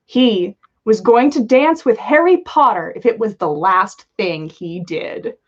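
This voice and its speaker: A woman with a medium-pitched voice reads a story aloud on a livestream, going a little slowly and making small slips. She's a podcast host sharing listener fan fiction, and her delivery is amused and dramatic, though the audio sounds dull.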